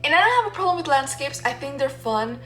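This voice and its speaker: Over light background music, a young woman from the Dominican Republic talks candidly about her painting in a reflective vlog, laughing often. Her high voice is pushed and bright, swinging widely in pitch as she talks fast.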